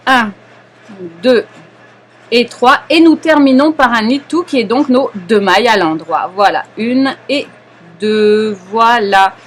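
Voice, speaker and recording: A young adult woman with a French accent, patiently explaining a knitting lesson step by step, often pausing and checking in with her students. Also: on the high side. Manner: patient, explanatory, frequent hesitations and checks "d'accord?". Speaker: knitting teacher. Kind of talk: live online knitting lesson.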